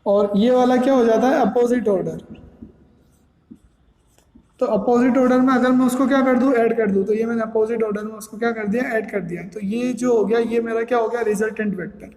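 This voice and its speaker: A man's voice: very high voice, steady tone, a little fast, a little mellow. A man teaching physics in a lecture, working step by step and answering his own questions. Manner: asks questions and answers them himself; repetitive, step-by-step explaining. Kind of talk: classroom lecture. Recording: echoey room with long reverb.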